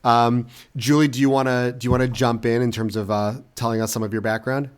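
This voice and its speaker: A man hosting a podcast interview, upbeat and chatty, warmly welcoming his guests. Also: medium pitch, little pitch movement, a little fast, clean tone. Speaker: podcast host.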